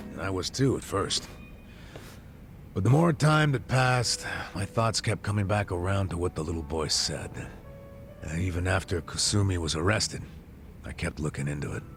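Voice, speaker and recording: An American man plays a gruff, regretful, middle-aged ex-cop in a video game cutscene. His delivery is blunt and streetwise, with a low-pitched, gravelly voice.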